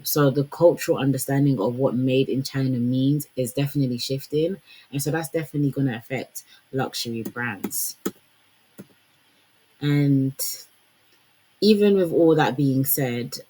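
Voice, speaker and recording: Her voice is extremely low, slightly rough and a bit mellow, captured on a low-quality recording. This young woman, of Congolese heritage, offers chatty commentary on fashion and branding, leaning heavily on fillers such as "like" and "you know."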